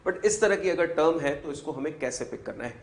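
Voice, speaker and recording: A man's voice: a little high, expressive, a little fast. A man teaching a physics lesson, speaking to the students as children. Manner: calls students "बच्चों" and chimes in to echo answers.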